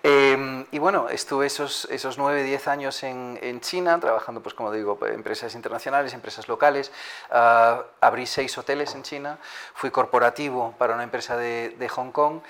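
Man from Galicia, interview guest, measured, agreeable, middle pitch, restarts his phrases. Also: fairly even intonation, fairly bright tone. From Galicia, Spain. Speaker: hotel executive and tourism entrepreneur. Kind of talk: conversational interview.

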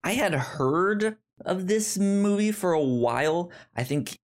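Co-hosting a movie podcast, this man has a high-sitting voice and takes things slowly. He chats in a relaxed, rambling way, often restarting and laughing.

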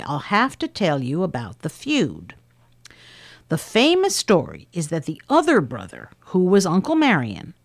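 A woman reading aloud someone's first-person recollections in a lively storytelling manner. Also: fairly low pitch. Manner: lively storytelling with shifts in loudness. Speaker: reader of recorded recollections.

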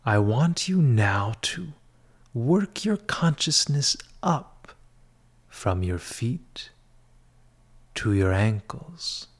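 A man leading a guided meditation in a soft, breathy, half-whispered spa voice, soothing and measured, with long pauses between short phrases. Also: mid-range voice, big pitch swings.

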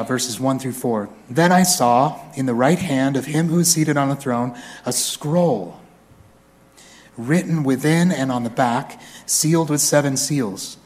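A pastor with a medium-pitched voice preaches a sermon in a church. He reads scripture aloud expressively and slips in humorous, conversational asides.

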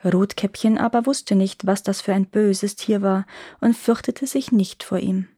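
A woman reading a fairy tale aloud in a calm, clear storytelling manner. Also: medium pitch, measured pace, no room sound, clean studio sound.

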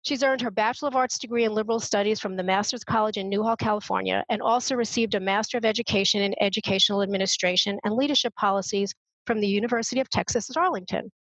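A woman's voice: medium pitch, fast talker, fairly bright tone, no room sound, low-quality recording. Upbeat woman hosting a radio show.

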